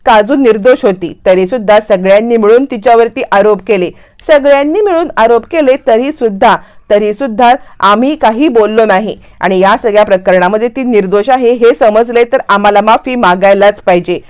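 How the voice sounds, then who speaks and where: An earnest young husband pleading for forgiveness, spoken by a woman narrator. The delivery is plain and earnest, with a slightly high pitch. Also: moderate pace, darkish tone, smooth, natural voice. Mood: apologetic. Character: young husband, humble and apologetic.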